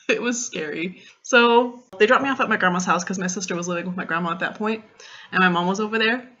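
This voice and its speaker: Young woman just chatting away on her vlog, bright punchy voice, acts out what people said, kinda muffled audio. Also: medium pitch, brisk. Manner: animated, filler-heavy retelling with quoted dialogue. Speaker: vlogger. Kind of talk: casual storytelling vlog.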